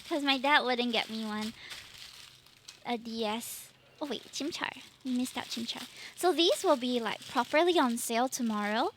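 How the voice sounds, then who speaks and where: Chatty high-voiced Singaporean woman streamer. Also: fairly bright tone, slight background noise. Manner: chatty and rambling, laughs often. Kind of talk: casual live-stream chat.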